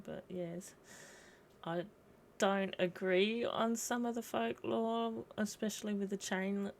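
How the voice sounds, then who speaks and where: Slow-talking woman with a creaky voice. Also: medium pitch, a little hiss or hum. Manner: rambling, reflective, pausing between short phrases. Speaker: host of a live video commenting on folklore. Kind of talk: casual livestream chat.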